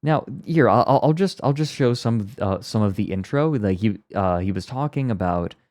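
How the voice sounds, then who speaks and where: A man giving casual live stream commentary, explaining things in a halting, stop-and-start way. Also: lowish voice, animated, darkish tone, dry recording. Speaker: streamer and YouTube creator.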